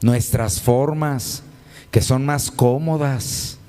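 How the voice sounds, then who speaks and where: A man's voice: medium pitch, fairly even intonation, extremely slow, dark tone. A man preaches a sermon in an ordinary mid-range voice, pressing his congregation with one rhetorical question after another and addressing them as brothers and sisters. His voice rings out with the long reverb of a church hall. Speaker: pastor.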